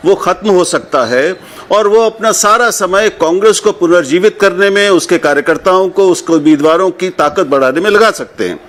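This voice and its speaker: An older man commenting on a TV panel, speaking in a measured way with frequent pauses and "uh". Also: sits high, fairly bright tone. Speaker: political commentator. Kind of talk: TV panel discussion.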